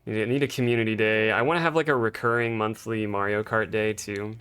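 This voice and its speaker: A man's voice: lowish voice, fairly even intonation, fast talker, a bit bright, clear, resonant tone. A man streaming a game with casual live chat, in a playful, jokey manner.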